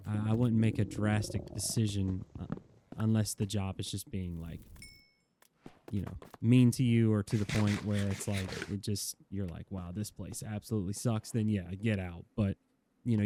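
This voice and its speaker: A man's voice: on the low side, warm tone. A man in his thirties giving casual, rambling and earnest commentary over a game, chatting to the viewer and teasing the animals in the game. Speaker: gaming YouTuber.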